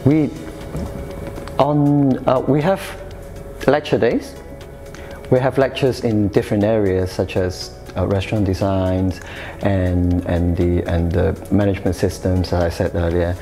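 Deep and dark in tone, with little pitch movement, the voice belongs to a Hong Kong-born, UK-raised chef in his thirties being interviewed indoors in a café-like room with a sofa. He talks about his studies at a measured pace, faltering with frequent fillers and restarts while faint music plays behind him.

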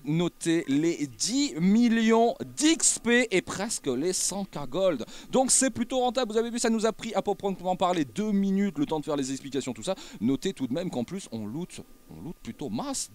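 Man for a gameplay tutorial voice-over, quick and bouncy, crude jokes, pitch swinging all over. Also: slight background noise. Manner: crude joking slang, lively swings in pitch. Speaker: gaming YouTuber. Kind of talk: casual gameplay commentary.

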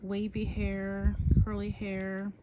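A woman chats with enthusiasm, in a casual show-and-tell, about the coloring books she bought. Her voice sits at a middle pitch, and clear background noise runs under the home recording. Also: monotone. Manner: chatty, enthusiastic, admits talking fast. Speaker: coloring channel host.

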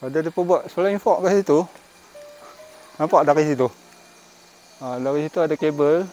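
A middle-aged man's slightly high, somewhat mellow voice comes at a moderate pace over soft background music in a low-quality recording. He is a vlogger with a northern Malaysian Malay accent, wearing a face mask and chatting casually on a walk along forest park trails by a cave, filmed on a camera at arm's length.

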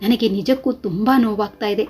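A woman's voice: mid-range voice, normal speed, a little mellow, husky, soft background music, close to an everyday voice. A woman voicing a hurt young married woman who pleads and questions, in a storybook reading.

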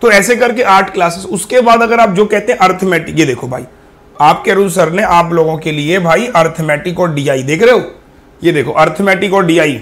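A man's voice: sits high, moderate pace, a bit bright. A young man teaching maths for bank exams in an online class, chatty and coaxing his students, often counting items aloud. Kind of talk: online exam-prep class.

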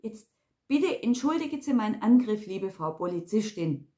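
A woman's voice: mid-range voice, very animated, measured pace, warm tone. A woman voicing a sheepish but stubborn elderly lady with a Swabian accent and a mumbling, dialect-heavy way of speaking.

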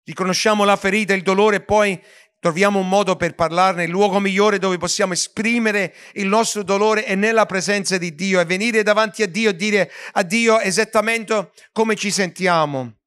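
A man's voice: high voice, fairly even intonation, normal speed, fairly bright tone, clean tone. A man preaching a sermon as pastor, earnest, with frequent restarts and stumbles over words.

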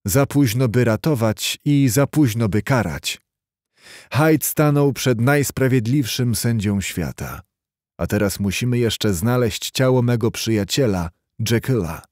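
A man's voice: medium pitch, expressive, measured pace, dry recording, clean studio sound, natural voice. A man voicing a stern resolute lawyer. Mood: solemn. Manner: forceful, commanding. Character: stern middle-aged male lawyer, resolute.

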